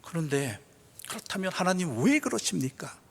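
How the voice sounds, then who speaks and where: A man delivering a sermon as a pastor, his voice on the higher side. He surges into loud, emphatic passages and then falls back to hushed near-whispers, often asking the congregation questions. A long reverb from the church hall trails every phrase. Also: sing-song, moderate pace, vocal fry, breathy edge. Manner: asks rhetorical questions. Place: church sanctuary.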